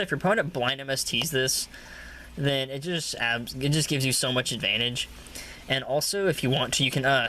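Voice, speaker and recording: Man, bright forceful voice, casual deck review, lots of uhs, faint hiss behind. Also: medium pitch. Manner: rambling, many filler uhs, repeats "really, really". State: coughing now and then. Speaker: card game deck reviewer. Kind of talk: casual deck profile talk.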